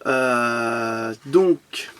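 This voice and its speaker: A man's voice: medium pitch, very slow, fairly bright tone, clear, resonant tone. A man hosting a casual unboxing vlog of his toy car purchases, chatty and full of fillers and restarts. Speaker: toy car collector vlogger.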